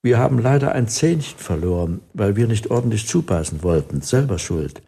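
A man's voice: fairly low pitch, expressive, a little fast, creaky, warm tone, husky, exaggerated voice. A man voicing a sneering, cold woman doctor. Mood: condescending. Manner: scolding, condescending. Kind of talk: audiobook reading.

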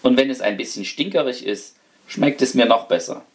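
A man's voice: mid-range voice, moderate pace, close to an everyday voice. A man voicing a scheming, self-pitying rat that speaks with false politeness and solemnity. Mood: polite. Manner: wheedling, falsely solemn and mannerly.

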